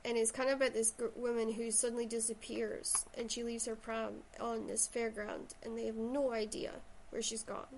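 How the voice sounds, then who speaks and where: A woman's voice: a little high, level tone, normal speed, hardly any pauses, a little hiss or hum, poor audio. A woman with a Shetland accent chatting casually and enthusiastically about books as a host. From Shetland, Scotland. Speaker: podcast host and writer. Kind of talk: casual book chat.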